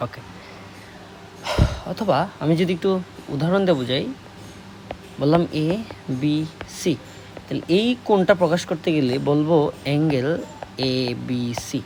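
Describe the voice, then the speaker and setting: Brief: male math tutor, Bangladeshi Bengali accent, slightly high voice, patient quiz-and-answer delivery, faint hiss. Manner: slow, repetitive, asks questions and answers them. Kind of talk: classroom lesson explaining at a board.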